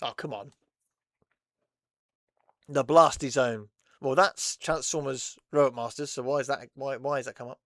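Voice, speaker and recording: A man's voice: mid-range voice, moderate pace, pauses often, fairly bright tone, no room sound, clean studio sound. A man hosting a casual chat, rambling and laughing often between thoughts. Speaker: host.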